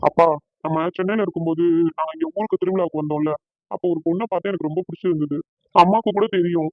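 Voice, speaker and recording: A troubled young son from a cartoon explains himself earnestly, voiced by a woman. The voice is lowish and quick. The sound is tinny and dry, like a phone line. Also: no echo, close to an everyday voice. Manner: hesitant, earnest.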